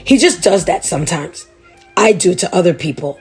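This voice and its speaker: A woman reading a chapter book aloud to children, chatty and animated. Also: lowish voice, fairly quick, breathy edge, faint music behind.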